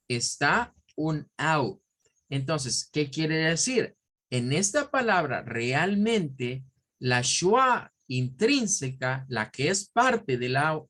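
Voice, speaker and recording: A man with a slightly high, fairly bright voice leads an online English pronunciation class in Spanish, carrying a Central American accent. He explains things carefully, drills sample words over and over, and consults an online dictionary while talking.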